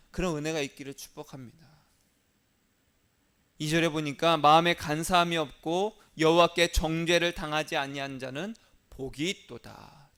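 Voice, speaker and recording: Conversational pastor preaching a sermon. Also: male voice, on the high side, a bit bright, smooth. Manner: conversational, asks rhetorical questions, acts out inner voices.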